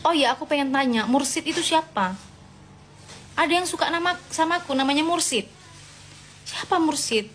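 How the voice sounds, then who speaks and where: Woman live-stream host, fairly high-pitched, playful and motherly, faint background hiss. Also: lively intonation, moderate pace, pauses often. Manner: chatty and playful, answering comments aloud; gently scolding, motherly tone to followers. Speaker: live-stream host reading viewer comments. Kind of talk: casual live-stream chat.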